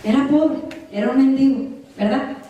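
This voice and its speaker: A woman's voice: high voice, normal speed, warm tone, lo-fi sound, a little hiss or hum. A woman preaching a sermon in a large church, dramatic, often questioning her congregation. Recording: echoey church hall from far off.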